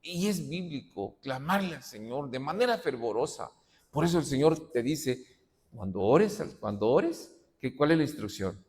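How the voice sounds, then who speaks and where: A male pastor preaching a sermon, asking rhetorical questions and shouting out dramatic quotes. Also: medium pitch, expressive, normal speed. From Mexico. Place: church hall. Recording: long reverb of a church hall.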